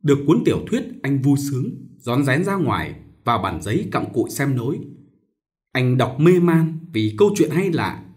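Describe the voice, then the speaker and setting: A man narrating a short story as an audiobook reading, in an expressive storytelling manner. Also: medium pitch, normal speed.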